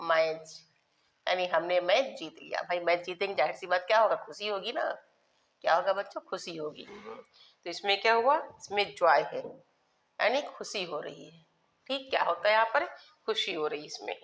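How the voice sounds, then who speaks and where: Woman teaching grammar slowly. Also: fairly low pitch, fairly bright tone. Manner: spells words letter by letter, repeats key terms slowly; addresses students as children, asks and answers own questions. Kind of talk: grammar lesson.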